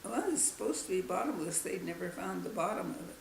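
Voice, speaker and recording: An elderly woman in her nineties with a gravelly, creaky voice. She answers questions slowly, searching for words and pausing often. The recording sounds roomy, with a faint hiss behind her. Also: lowish voice, lively intonation. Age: 90s. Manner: slow, halting recollection. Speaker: interviewee, grandmother. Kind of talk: casual family interview.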